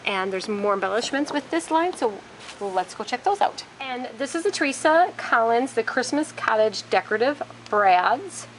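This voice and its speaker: A store host films from behind a handheld camera in a large wire-shelved warehouse, casually naming each product in turn. Her fairly high voice has lively intonation and a moderate pace. The audio is poor, with a little hiss or hum.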